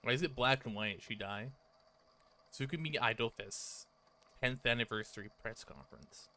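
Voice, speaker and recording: Over game music, a man chats informally through a visual novel livestream, reading on-screen lines aloud and sometimes swearing. He talks at a moderate pace in a mid-range voice with a sharp tone.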